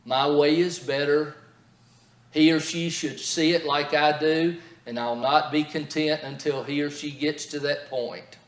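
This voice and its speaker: A middle-aged man giving a marriage seminar in a church, telling stories earnestly. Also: fairly high pitch. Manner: earnest storytelling. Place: church hall. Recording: echoey church hall.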